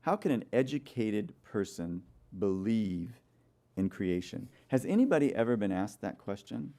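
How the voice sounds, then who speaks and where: A man's voice: on the low side, very animated, unhurried, mellow. A man giving a sermon-style Bible study lecture, telling stories and throwing rhetorical questions at his listeners. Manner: storytelling with rhetorical questions to the audience; frequent "okay?" checks with listeners.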